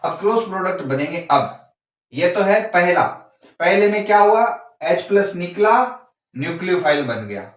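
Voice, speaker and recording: A man's voice: high voice, lively intonation, normal speed. A man teaching a chemistry class, explaining at the board in a chatty way and asking his students questions as he goes. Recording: very echoey room, voice from far off.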